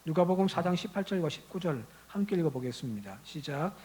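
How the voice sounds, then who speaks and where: A male pastor preaching a Sunday sermon in a church sanctuary, driving his points home with rhetorical questions and swinging from quiet asides to loud, rising exhortation. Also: on the high side, lively intonation, quick pace.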